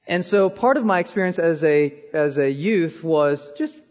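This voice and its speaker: High-voiced pastor preaching in a hall. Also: male voice, moderate pace, lo-fi sound. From born in Korea, raised in Iowa. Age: 30s. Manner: animated, self-deprecating storytelling with frequent "okay?" asides. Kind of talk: sermon.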